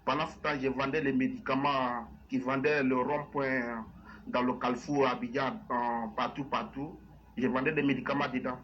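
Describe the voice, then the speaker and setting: Ivorian man, halting English-tinged French accent, lo-fi. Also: medium pitch, little pitch movement. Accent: Ivorian French with an English-sounding tinge. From Man, western Côte d'Ivoire. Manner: halting, repeats phrases. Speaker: caller to a live show. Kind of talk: personal testimony in halting, informal French. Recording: dull lo-fi call, faint noise.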